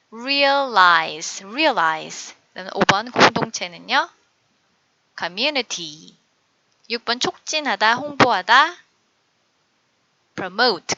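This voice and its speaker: A woman teaching an online English vocabulary lesson, drilling each word slowly and giving its meaning. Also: medium pitch, bright, forceful tone, no echo, lo-fi sound. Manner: slow, careful word-by-word drilling of English vocabulary with Korean glosses. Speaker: middle school English teacher.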